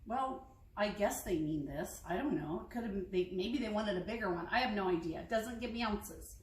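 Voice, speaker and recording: A woman's voice: mid-range voice, brisk. Chatty woman in an echoey kitchen. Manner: chatty, frank, hesitant asides. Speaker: cooking vlogger taste-testing recipes. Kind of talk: casual kitchen vlog. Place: home kitchen. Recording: echoey kitchen, clinking dishes.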